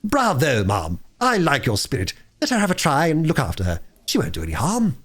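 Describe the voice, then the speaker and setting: A man voicing a kindly, hearty gentleman motorist who talks politely and encouragingly. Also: on the high side, huge pitch swings, fairly quick, voice pushed up, exaggerated voice.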